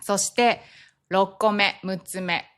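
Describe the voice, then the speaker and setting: Slow-speaking woman teaching Japanese. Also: medium pitch. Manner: acts out example phrases with lively shifts in tone. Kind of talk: slow, clear language lesson.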